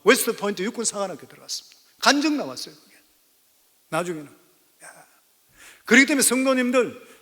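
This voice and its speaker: A man's voice: high voice, pushed and bright. A man in his fifties, a senior pastor, preaching a sermon, telling a story and then urging the congregation emphatically. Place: church sanctuary. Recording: church hall reverb.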